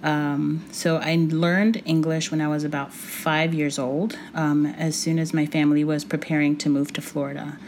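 Being interviewed on a podcast, this woman in her forties speaks in a low, flat voice, pausing frequently for reflective ums and gentle laughter. She was born in Puerto Rico and Spanish is her native language. There's a soft hum of room noise behind her.

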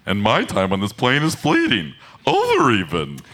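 A man's voice: medium pitch, wildly swooping pitch, moderate pace, a bit bright, exaggerated voice. A man voicing a teenage boy who talks like an ancient, tormented spirit, in a mock-solemn comedic read. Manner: mock-solemn, grandiose delivery. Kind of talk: comedic scripted read-through.

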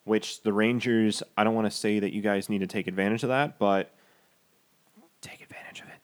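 A man's voice: on the low side, steady tone, a little fast. A man co-hosting a casual podcast, giving firm, sarcastic opinions about sports. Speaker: podcast co-host.

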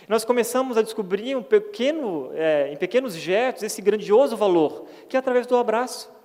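A pastor with a Brazilian Portuguese accent delivers a conversational sermon in a church hall, earnest and folksy, often asking listeners to agree. His voice sits high and sounds expressive and brisk, with a darkish tone. The recording carries a long church hall reverb.

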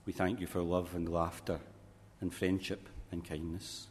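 A man, a priest, reciting funeral Mass prayers in a measured, solemn way, his voice ringing with cathedral echo. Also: low voice, little pitch movement, a little hiss or hum. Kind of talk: liturgical recitation. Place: large church. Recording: long reverb in a large church, faint ambience.

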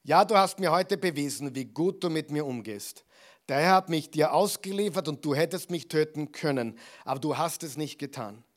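Ein Mann, der den alten König Saul spricht, reuig und flehend. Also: male voice, fairly high pitch, expressive, moderate pace, close to an everyday voice. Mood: imploring. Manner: raised, imploring. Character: old repentant King Saul, man.

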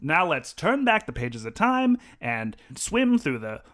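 A man doing a mock old-time 1940s newsreel announcer voice, with a grandiose, theatrical, drawn-out delivery. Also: fairly high pitch, sing-song, a bit bright, pitched above the performer's own voice. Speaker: podcast co-host.

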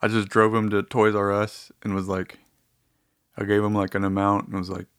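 A man's voice: fairly low pitch, flat delivery, moderate pace, a bit bright, clean tone, no echo, clean studio sound. A man talking to his audience in a casual, meandering, easygoing monologue.

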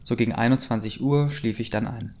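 A man's voice: medium pitch, a little fast, darkish tone. A man reading a story aloud, breaking off for dry, mocking asides. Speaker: reader of fan fiction.

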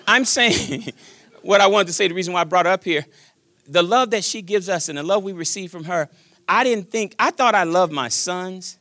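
A grandfather in his fifties preaching a sermon in a folksy, joking manner, swinging between loud declarations and quiet asides. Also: high-pitched, moderate pace, no room sound. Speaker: pastor.

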